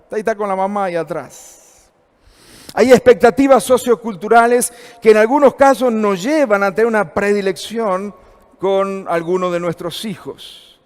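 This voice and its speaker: At a normal pace and with a high-pitched voice, a fifty-something man with an Argentine Spanish accent runs a church seminar, chatting with the audience and asking them questions, in a big-room acoustic.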